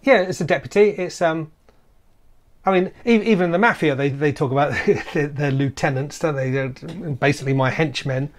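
A man with a slightly higher-pitched voice chats in a loose, digressive podcast style. He loves to explain where words come from and often wanders off into long asides. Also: moderate pace. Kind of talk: casual podcast chat.

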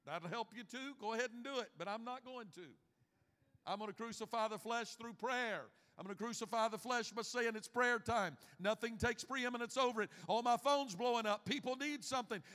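Fifties pastor preaching, voice sits pretty high, goes quiet then loud, hall reverb trailing off. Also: male voice, brisk. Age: 50s. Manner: preaching with big swings in loudness, from hushed to shouting. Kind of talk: sermon. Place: church sanctuary. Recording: long reverb of a church hall.

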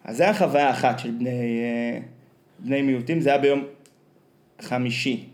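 A man's voice: medium pitch, darkish tone. A man with an Israeli accent chatting casually and telling anecdotes in a rambling, colloquial way full of slang fillers.

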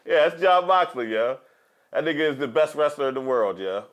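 Higher-voiced man, slangy joking banter. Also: lively intonation, a little fast. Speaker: podcast host. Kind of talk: casual chat about pro wrestling.

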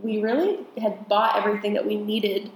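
A woman's voice: mid-range voice, fairly even intonation, moderate pace, slight background noise. Rambling woman podcaster in echoey room. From United States. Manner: rambling, laughs often. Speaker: podcast co-host. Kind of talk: casual chat.

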